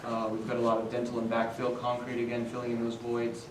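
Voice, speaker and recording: A young man giving a student team presentation, steady with frequent filler sounds, recorded from a distance in a noisy, echoey room. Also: mid-range voice, quick pace.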